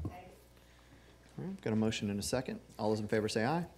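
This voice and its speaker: A man chairing a council meeting with measured, orderly, formal procedure. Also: lowish voice, animated, darkish tone. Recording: noisy room ambience.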